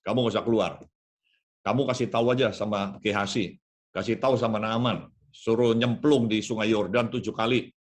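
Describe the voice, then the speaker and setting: A man voicing a calm prophet who gives plain, matter-of-fact instructions. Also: fairly low pitch, a little fast, lightly acted. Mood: instructing.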